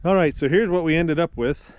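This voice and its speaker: A man's voice: fairly high pitch, fairly quick, muffled recording. A man talking casually to his viewers while doing firewood work outdoors. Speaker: vlogger working on firewood. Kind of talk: casual outdoor vlog chat. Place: outdoors on snowy ground. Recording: noisy outdoor recording.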